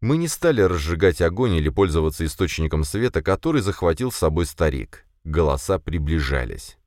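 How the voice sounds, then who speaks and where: Deep-voiced male audiobook narrator. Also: no echo, studio quality. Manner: expressive, animated reading. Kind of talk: first-person fantasy audiobook narration.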